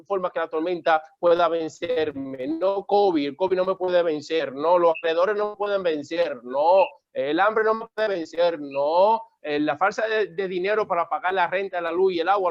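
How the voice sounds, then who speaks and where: Emphatic high-voiced male pastor preaching. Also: no echo, dull audio. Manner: emphatic preaching with repeated calls for the congregation to answer. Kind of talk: sermon.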